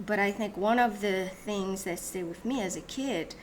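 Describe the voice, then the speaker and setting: Her medium-pitched voice moves at a normal speed over a little hiss or hum on a low-quality recording. Born in Haiti and raised in the United States, she hosts a solo talk, reflecting aloud with frequent restarts and fillers.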